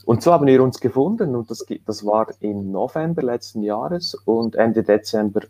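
A man, an author telling his story in a relaxed interview, rambling with many fillers and restarts. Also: medium pitch, moderate pace. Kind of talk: casual conversational interview.

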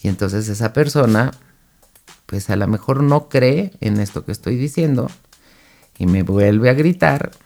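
A woman's voice: a bass voice, lively intonation, measured pace, vocal fry, mellow. A woman giving casual advice on personal boundaries, speaking straight to the listener and acting out short quoted lines. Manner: acts out little quoted lines in passing.

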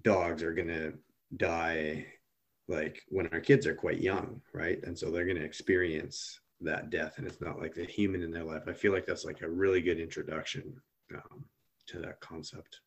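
Very low-pitched man, casual podcast co-host; halting, filler-heavy delivery. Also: little pitch movement, husky. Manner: halting, thinks aloud with many fillers. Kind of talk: casual chat.

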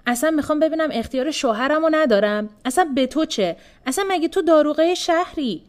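A woman reading the part of an angry middle-aged mother who scolds and shouts at her relatives. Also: sits high, animated, pitched above the performer's own voice.

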